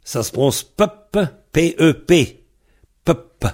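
A man's voice: a little high, lively intonation, slow pace, darkish tone. A man teaching a language lesson, explaining pronunciation step by step and spelling out letters.

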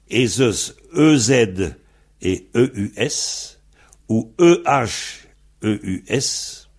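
A man teaching a grammar lesson, pausing on fillers and spelling words out letter by letter. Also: mid-range voice, darkish tone. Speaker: Breton language teacher. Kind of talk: slow explanatory grammar lesson.

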